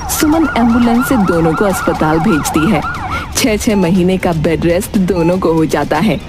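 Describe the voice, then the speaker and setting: A woman at a moderate pace tells a scripted cartoon story as narrator, her pitch lively and expressive. Music can be heard distinctly behind her voice.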